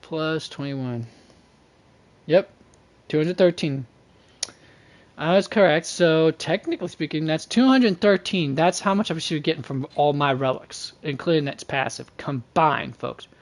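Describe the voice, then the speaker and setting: Muttering and thinking out loud in folksy slang, a man streams a game with casual live commentary. He speaks at a measured pace in a voice on the high side.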